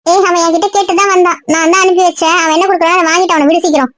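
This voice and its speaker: A shrill, rapid-fire older mother barks orders at her daughter-in-law, as a man puts her on. The voice is very high and hurried, with a dry, close sound. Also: little pitch movement, fairly bright tone, dry recording. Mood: commanding. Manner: brisk, commanding.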